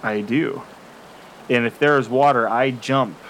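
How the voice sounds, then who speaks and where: A man playing a tabletop role-playing game, thinking aloud in a casual, unhurried way. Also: mid-range voice, a bit bright, slight background noise. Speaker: player.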